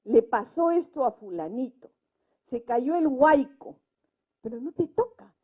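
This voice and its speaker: This debate panelist has a high-pitched, expressive, breathy voice and takes her time. She argues her points emphatically and spontaneously, often checking in with quick tag questions, in a muffled, narrow-band live recording.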